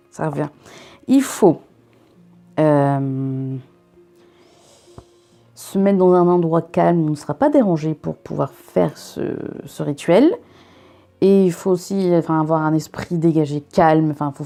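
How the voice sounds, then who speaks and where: This vlogger, a young woman from France's north near Belgium, reviews a subscription box in a chatty, jokey way, breaking off her own sentences and tossing in asides as she unpacks. She speaks in a low, creaky, mellow voice.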